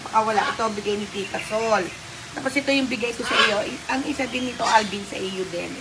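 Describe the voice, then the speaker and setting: Woman, fairly high voice, casual chatty talk, noisy background with frying sounds. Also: fast. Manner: chatty, handing out gifts. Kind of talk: casual chat.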